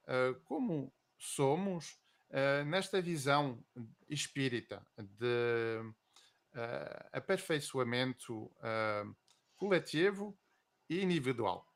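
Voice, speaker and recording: Guy, unhurried, lots of ahm and eh, thinking out loud in an interview. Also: mid-range voice. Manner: reflective, hesitant with many drawn-out fillers. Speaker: guest. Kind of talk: conversational interview answers.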